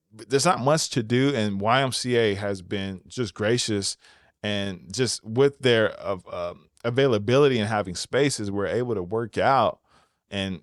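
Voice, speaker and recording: A man telling a motivational story in a casual, energetic way, acting out the other people's lines with sudden jumps in pitch. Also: no echo, clean studio sound. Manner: energetic, acts out dialogue with shifting pitch. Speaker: podcast speaker.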